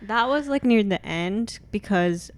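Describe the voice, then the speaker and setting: A young woman co-hosts a casual podcast, taking her time as she tells stories. Her delivery is drawn-out and relaxed, full of slang and little laughs. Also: mid-range voice. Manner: slow, giggly storytelling with slang. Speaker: podcast co-host. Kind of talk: casual chat.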